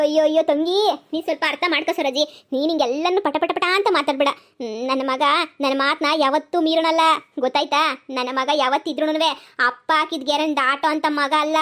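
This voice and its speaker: A man's voice: very high-pitched, a bit bright. A voice actor playing a stern fatherly village man who lectures and reassures his younger sister in a cartoon comedy.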